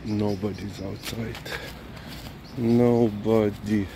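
A man's voice: on the low side, little pitch movement. A man chatting casually while walking his dog outdoors at night, filmed on a phone, talking to the viewer and now and then to the dog. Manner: slow, chatty, talks to his dog between remarks. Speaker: dog owner vlogger. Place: city streets at night, outdoors. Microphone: handheld phone camera filming while walking. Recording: faint street and traffic noise.

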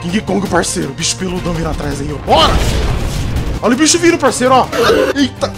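A young man with a Brazilian Portuguese accent giving excited, slangy let's-play commentary and shouting at the screen. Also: high-pitched, a little fast, vocal fry. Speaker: gaming youtuber. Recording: game music playing under voice.

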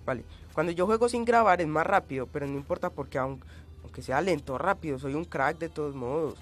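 A man's voice: on the high side, fairly quick, faint music behind. A man giving gameplay commentary, coughing and sounding changed by a cold, yelping and screaming at in-game hazards. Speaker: let's play gamer.

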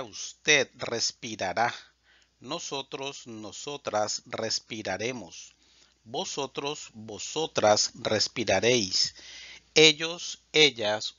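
A man teaching Spanish, reading verb conjugations aloud in a measured, drilled way. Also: medium pitch, bright, forceful tone, dry recording. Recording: dull lo-fi dry sound.

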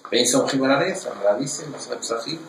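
Gravelly man teaching Torah in an echoey room. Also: medium pitch, brisk, recorded from a distance, noisy background. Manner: animated, quotes Hebrew verses and explains them. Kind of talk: Torah class.

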